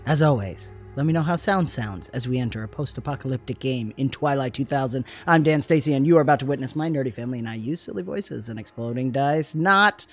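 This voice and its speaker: A man hosting a tabletop game livestream, upbeat and quick to laugh. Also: medium pitch, soft background music. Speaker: host. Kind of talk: livestream intro and chat.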